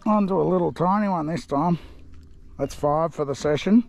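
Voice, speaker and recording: Aussie bloke fishing off a little boat, kinda raspy and highish, stoked easygoing slang, camera strapped to his chest. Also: moderate pace, no echo. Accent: Australian. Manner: excited, laid-back slang. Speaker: fishing vlogger. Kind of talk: casual running commentary. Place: small boat on a river outdoors. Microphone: action camera on chest.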